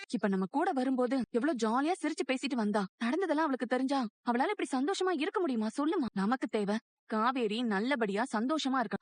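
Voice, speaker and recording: An actress playing a young new mother who earnestly reassures her own mother, in a television serial. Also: sits high. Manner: earnest, persuasive.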